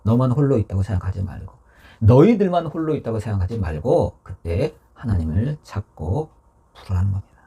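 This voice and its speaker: A man preaches in a church with a very husky, mellow voice. His pitch swings widely as he acts out voices from scripture. At times he falls to a whisper to drive a point home. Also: fairly quick. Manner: animated preaching, acting out scripture voices, dropping to whispers for emphasis. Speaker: pastor. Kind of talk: sermon.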